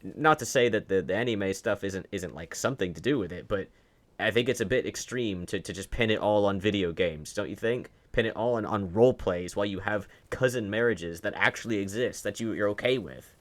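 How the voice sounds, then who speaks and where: Speaking fairly quickly in a fairly low voice, a man delivers opinionated online commentary. He is argumentative and sarcastic, pressing his case with rhetorical questions.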